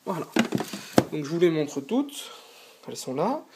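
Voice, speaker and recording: A man's voice: a little high, big pitch swings, measured pace, heavy background noise. Tired, eager man unboxing on a sofa. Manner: eager, chatty, frequent hesitations. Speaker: channel host. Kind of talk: casual unboxing vlog. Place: on a small sofa indoors.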